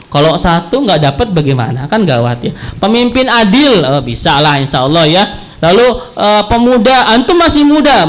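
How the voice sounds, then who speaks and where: Lively high-voiced male preacher. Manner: playful, joking storyteller with big pitch swings; addresses audience directly, call-and-response. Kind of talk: sermon.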